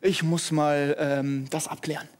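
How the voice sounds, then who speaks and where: Guy doing a clueless young chief in a sermon joke, umming and stalling, pretty high voice. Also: little pitch movement, a little slow, lightly acted. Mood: unsure. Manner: hesitant, stalling with fillers.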